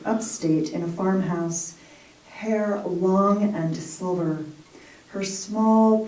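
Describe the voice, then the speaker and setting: A woman poet reads her work slowly and deliberately in a mellow, dark-toned voice, joking a little between poems. She sounds distant from the microphone in a roomy, echoing space before an audience. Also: mid-range voice. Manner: slow, deliberate reading with self-deprecating chat between poems. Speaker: poet and college English professor. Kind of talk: poetry reading with casual asides. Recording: roomy echo, mic far off.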